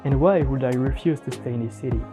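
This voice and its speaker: A man whose first language is French, narrating a travel documentary in a measured, scripted way. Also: medium pitch, dark tone. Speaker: documentary host. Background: music under the narration.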